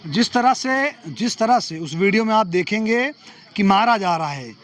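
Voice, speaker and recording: A man's voice: high-pitched, animated, moderate pace, fairly bright tone. A man reporting from the field for local news, speaking with passion and asking rhetorical questions.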